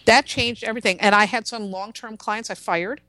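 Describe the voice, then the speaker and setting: A woman's voice: medium pitch, moderate pace, no room sound. A woman in her forties, a tarot reader and podcast guest, speaking bluntly and emphatically in casual interview chat. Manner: blunt, emphatic, animated storytelling.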